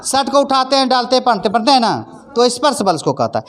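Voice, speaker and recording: A woman's voice: on the high side, very animated, fast talker. A woman teacher explaining a lesson in plain, repetitive phrases, often checking that her pupils understand. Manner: leads call-and-response recitation. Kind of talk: classroom lesson. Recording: faint background noise.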